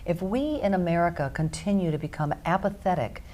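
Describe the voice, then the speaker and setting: A woman's voice: lowish voice, animated, a little fast, mellow. A woman hosting a talk radio show, pressing her points in emphatic lists.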